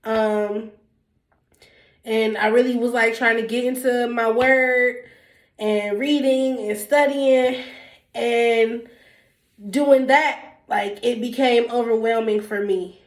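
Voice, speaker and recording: A woman with a cold-blocked nose rambles candidly to her YouTube viewers, seated and casual, with plenty of ums and restarts. She speaks slowly in a higher voice with fairly even intonation, in an echoey space.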